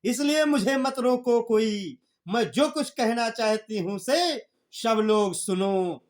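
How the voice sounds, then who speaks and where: A male teacher giving a poetry lesson, reciting verse lines slowly and then explaining them in plain words, calling his listeners brother. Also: extremely high pitch. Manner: addresses listeners familiarly as brother.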